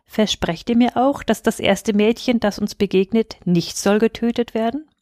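A woman's voice: on the high side, normal speed, darkish tone, dry recording, clean studio sound, lightly acted. A woman voicing a kind, earnest young prince in a fairy tale reading.

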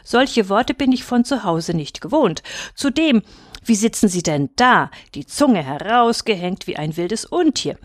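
A woman's voice: sing-song, moderate pace, a little mellow, no echo, clean studio sound. A woman voicing a tiny, proud young male bunny who speaks in prim, polite phrases in a storybook reading. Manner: prim, well-mannered, raised pitch.

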